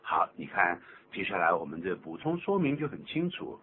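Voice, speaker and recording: An older man hosting a radio English lesson, explaining phrases in an animated, teacherly way. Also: low-pitched, normal speed. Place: radio studio. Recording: tinny lo-fi radio broadcast with faint hum.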